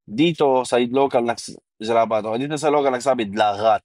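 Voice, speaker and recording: A man from Syria, his first language Arabic, talks in a loose, chatty way as an interview guest, full of fillers, restarts and English words. His voice sits at a middle pitch and is recorded close and dry. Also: fairly quick, a little mellow, no room sound. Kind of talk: casual interview.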